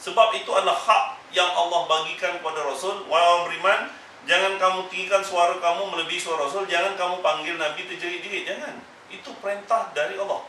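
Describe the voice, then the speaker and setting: A man's voice: high voice, fairly even intonation, quick pace, bright, forceful tone, a little hiss or hum. Emphatic man teaching in an echoey room. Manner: emphatic, repetitive admonishing. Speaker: religious teacher. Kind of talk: Quran exegesis class. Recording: echoey room, mic far off.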